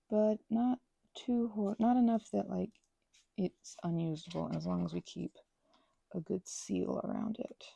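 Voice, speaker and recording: Working on a craft, this ASMR creator rambles quietly from one tangent to the next, interrupting herself with soft whispers and mild exclamations. Her medium-pitched voice is dark, mellow and heavily gravelly, and the close, dry mic captures no room sound, just craft clicks behind her.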